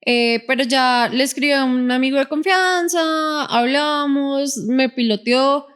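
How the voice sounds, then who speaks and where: A woman's voice: sits high, unhurried. A woman from Colombia with a Bogotá accent, co-hosting a podcast and telling stories with laughter in a casual chat. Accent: Colombian Spanish, Bogotá. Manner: laughing storyteller, animated anecdotes. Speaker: podcast co-host.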